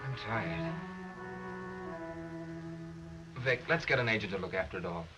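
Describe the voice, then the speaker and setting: A man's voice: on the low side, fast talker, muffled recording, over music, close to an everyday voice. An actor playing a weary, earnest young heir who is exasperated with his controlling family, in a 1930s film melodrama. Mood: tired. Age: young adult.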